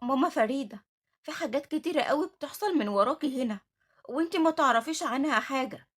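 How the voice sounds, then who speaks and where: A woman's voice: high voice, lively intonation, quick pace, fairly bright tone. A woman reading Farah, a frightened teenage orphan girl with an Egyptian accent. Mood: fearful.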